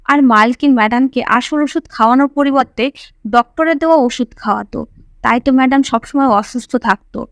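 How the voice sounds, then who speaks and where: A woman narrating a suspense story in steady, scripted first-person storytelling. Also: high voice, brisk, no echo.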